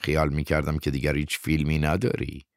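A man's voice: very deep voice, completely flat delivery, no room sound, clean studio sound. A man reading an audiobook, voicing a blunt, sarcastic man who sneers at others.

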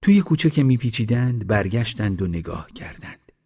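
Husky low-voiced male storyteller. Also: very animated, dark tone. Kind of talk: scripted narration of a folk tale.

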